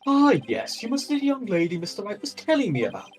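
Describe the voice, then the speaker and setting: A man's voice: high voice, wildly swooping pitch, quick pace, recorded from a distance, faint music behind, pitched above the performer's own voice. A man voicing a flamboyant, pompous law professor from a game, exclaiming in flowery, grandiloquent phrases. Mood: grand, delighted.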